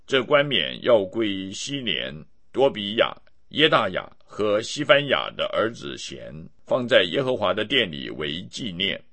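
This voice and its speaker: A man giving a steady, measured scripted reading of scripture. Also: lowish voice. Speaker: Bible reader.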